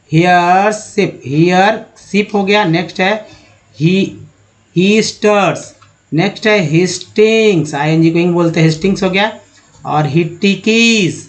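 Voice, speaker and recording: A man teaching English spelling and pronunciation from slides, drawing words out slowly one at a time and addressing viewers as friends. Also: sits high. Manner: slow, drawn-out word-by-word pronunciation. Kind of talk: slide-based spelling lesson.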